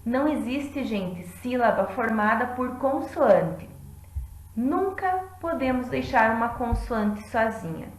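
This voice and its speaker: A woman teacher giving a lesson in a clear, deliberate way, clapping out syllables. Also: a little high, expressive, echoey room, slight background noise, rough recording. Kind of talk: classroom lesson.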